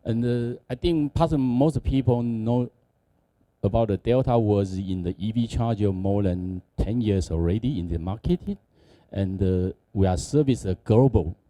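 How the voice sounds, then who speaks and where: A man with a Taiwanese accent gives a conference presentation in halting, non-native English. His voice is low and soft-edged, with very animated intonation. The sound is dry and close. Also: no room sound. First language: not English. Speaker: conference speaker, company executive.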